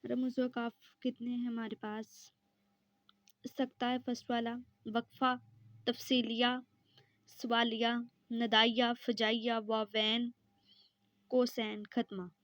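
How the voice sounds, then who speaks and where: A woman's voice: on the high side, little pitch movement, takes it slowly, long pauses, dry recording. A woman teaching an exam-prep lesson, explaining step by step and answering her own questions.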